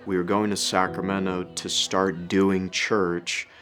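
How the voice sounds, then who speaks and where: Over a music bed, this man's low voice barely shifts in pitch as he speaks at a measured pace. He is a pastor from Ukraine in his thirties, giving an earnest, reflective account of his life in a testimony interview.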